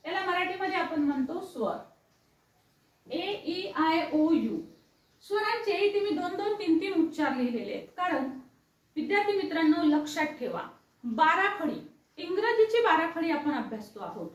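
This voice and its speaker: High-voiced woman teaching English sounds. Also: very animated. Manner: spells out letters and repeats sounds slowly, checking with "right?". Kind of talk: classroom-style explainer lesson. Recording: echoey room, voice from a distance.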